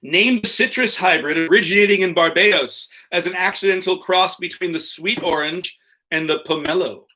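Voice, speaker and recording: A man's voice: high-pitched, normal speed, pushed and bright, poor audio. A man hosting an online quiz over a video call, reading questions and tossing in joking, profane asides. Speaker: quiz host.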